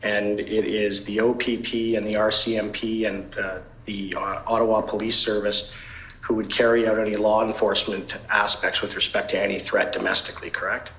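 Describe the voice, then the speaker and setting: A man's voice: on the low side, little pitch movement, normal speed, sharp tone, echoey room, rough recording. A man, a lawyer conducting a formal cross-examination with probing, leading questions.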